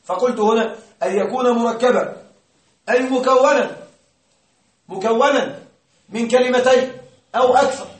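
A man's voice: extremely high pitch, normal speed, pauses often. A man teaching grammar to a class, often asking a question aloud and then answering it himself. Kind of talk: classroom lecture. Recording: roomy, distant mic.

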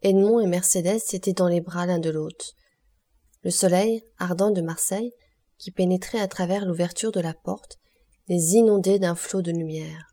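A woman narrating a classic novel in a measured, expressive way. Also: fairly low pitch. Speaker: audiobook narrator. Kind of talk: literary audiobook narration.

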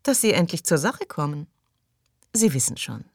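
A bold, playful young woman who says exactly what she wants, as a woman reading an audiobook puts her on. She teases and presses in a dry, close-miked voice, pitched higher than the reader's own low tone. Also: big pitch swings, moderate pace, creaky, breathy edge, no echo, full character voice. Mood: insistent. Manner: teasing, direct, playful.

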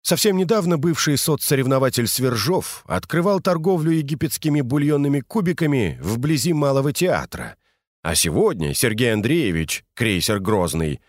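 A man reading a literary story aloud as an audiobook narrator, expressive and lively. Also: medium pitch, no echo, studio quality. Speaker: audiobook reader.

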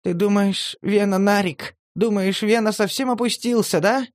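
Guy putting on a high whiny strung-out street addict, touchy and teary, horror audiobook, dry sound. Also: animated, unhurried, no echo. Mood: aggrieved. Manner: shrill, agitated, pleading. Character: strung-out homeless male addict, touchy and tearful. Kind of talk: audiobook character voice.

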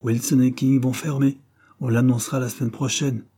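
Man doing serious respectable foreman, grave, husky, storybook. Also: mid-range voice, level tone, moderate pace, warm tone, pitched above the performer's own voice, natural voice. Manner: grave, announcing bad news. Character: respectable intelligent male foreman.

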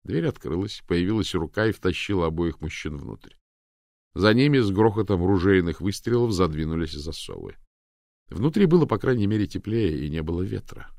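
Low, gravelly male narrator. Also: sing-song, darkish tone, no echo, clean studio sound. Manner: measured, storytelling. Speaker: audiobook narrator. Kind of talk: scripted narration.

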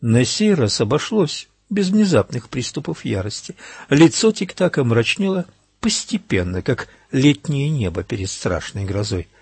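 A man reading an audiobook aloud, expressive and animated, his pitch rising and falling freely. His voice is slightly husky and sits dry and close to the mic. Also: a little slow, dry recording. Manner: expressive, acts out every character. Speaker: audiobook narrator. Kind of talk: scripted audiobook narration.

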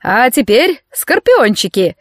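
A woman reading an audiobook, voicing a loud, pompous male martial-arts coach who draws out his commands. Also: fairly high pitch, sing-song, dry recording, clean studio sound. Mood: commanding. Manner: bellowing drawn-out commands.

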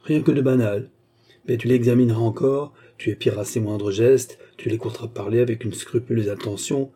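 A man voicing a resolute young nobleman, urgent and suspicious, in an audiobook reading with a dark, husky voice. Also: mid-range voice, steady tone, a little fast, lightly acted. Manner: urgent, emphatic. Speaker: character in a read novel.

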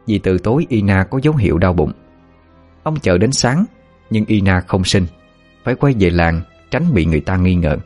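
Low-voiced male storyteller. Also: a little mellow. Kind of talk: scripted story narration.

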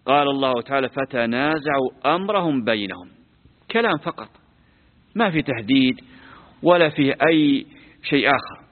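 A man's voice: mid-range voice, animated, slight background noise. Man teaching scripture, tinny hall echo. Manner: quizzes listeners, repeats words slowly to teach pronunciation. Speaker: sheikh teaching Quran commentary. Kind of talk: classroom lesson on scripture. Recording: tinny lo-fi recording with long hall reverb.

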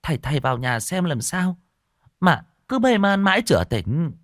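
A wailing, self-pitying village wife, put on by a male storyteller. Her voice climbs high and whiny as she laments. The recording is close and dry. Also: very animated, normal speed, no echo. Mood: pleading.

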